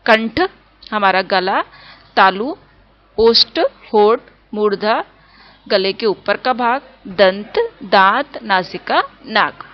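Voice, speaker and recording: A woman teacher giving a grammar lesson, slowly spelling out sounds one by one. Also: medium pitch, muffled recording.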